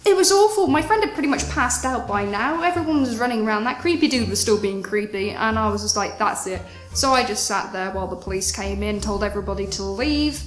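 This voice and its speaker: A woman's voice: mid-range voice, fairly quick. A young woman animatedly retelling a chaotic party story with dramatic exasperation. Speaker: vlogger. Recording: echoey room with faint music.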